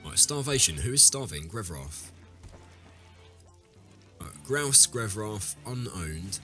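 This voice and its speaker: Low-voiced man, sick, rambling. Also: very animated, takes it slowly, sharp tone, soft background music. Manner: rambling, self-correcting, talks to viewers. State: ill, deeper voice than usual. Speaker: let's play host. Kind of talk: casual gameplay commentary.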